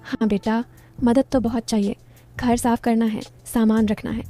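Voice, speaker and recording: A woman's voice: fairly high pitch, flat delivery, normal speed, dark tone, soft background music, close to an everyday voice. A woman voicing Sunita, a teasing village widow. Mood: friendly. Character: lonely widowed village woman, mid-thirties, friendly.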